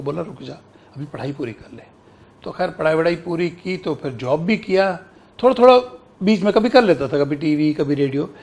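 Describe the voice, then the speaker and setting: A middle-aged man speaks in a high voice with a gravelly grain. He reminisces in a relaxed interview and slips into the other voices of his stories. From Kashmir, India. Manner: animated storytelling, acts out quoted exchanges. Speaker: guest actor and broadcaster.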